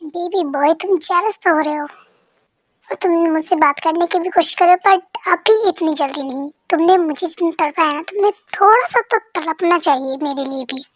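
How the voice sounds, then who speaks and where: A woman's voice: very high voice, normal speed. A woman voicing a cool, teasing young man in a fan-dubbed story, smug and dismissive.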